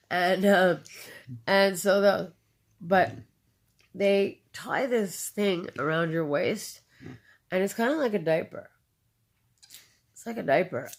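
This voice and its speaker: A woman speaks in a somewhat low register with a rough, gravelly edge. She tells her own story in conversation, pausing on fillers and repeating key phrases for emphasis. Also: darkish tone. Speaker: interviewee.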